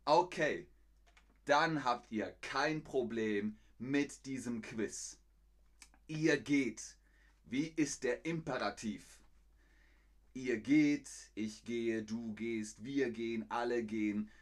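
A man teaching German on a live stream, speaking slowly in short, simple phrases for learners, reading chat messages aloud and barking loud example commands. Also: medium pitch. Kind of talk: live-stream language lesson.

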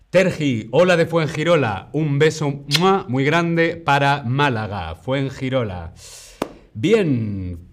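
Slow, deliberate teacher, man. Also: mid-range voice. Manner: slow, drawn-out model phrases, lively exclamations. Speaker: Spanish teacher. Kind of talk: live online Spanish lesson.

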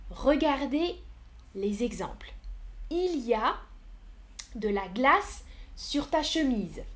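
A woman teaches a French lesson on a live stream, talking very slowly and clearly as she counts aloud and answers the chat. Her voice sits high and moves a great deal. Now and then she drops a word to a soft whisper. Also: sing-song.

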